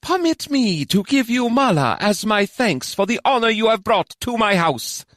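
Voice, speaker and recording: A male narrator voicing a pompous elf house lord with a high-pitched nasal voice, making grand ceremonial proclamations. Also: sing-song, moderate pace, fairly bright tone, dry recording, studio quality. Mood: proclaiming. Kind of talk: audiobook character voice.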